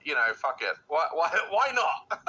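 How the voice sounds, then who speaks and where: A woman's voice: low-pitched, sing-song, measured pace, sharp tone, a little hiss or hum, poor audio. A woman hosting a casual reaction video, blunt and swearing freely, laughing often at what she watches.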